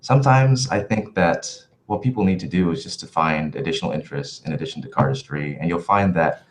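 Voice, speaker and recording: A man chatting casually as a livestream host in a halting, rambling, thoughtful way, with livestream headset-style audio. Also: extremely low pitch, a little hiss or hum. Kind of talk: casual livestream chat answering viewer questions.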